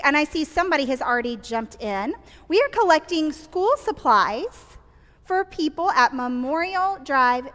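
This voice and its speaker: A woman's voice: high voice, fairly bright tone. A woman leading a children's camp lesson, playful and full of questions for the kids. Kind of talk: children's message to young campers. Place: church room with children. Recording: reverberant church hall.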